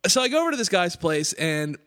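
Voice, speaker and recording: On his radio music show, a middle-aged Quebec man talks about records in relaxed on-air chat. He speaks fast in a high-pitched, sing-song voice that is smooth and fairly bright, rambling with plenty of fillers and "like"s.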